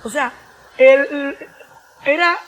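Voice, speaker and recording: A woman's voice: high voice, drawn-out words, fairly bright tone. A woman, giving an emotional personal testimony, earnest, repeating phrases and acting out the voices in her story.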